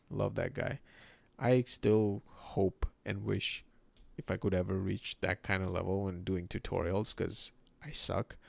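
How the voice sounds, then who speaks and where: Gravelly low-voiced man chatting on stream. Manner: relaxed, rambling, reacts to viewer chat; laughs often, swears casually. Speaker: livestream host and 3D artist. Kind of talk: casual livestream chat.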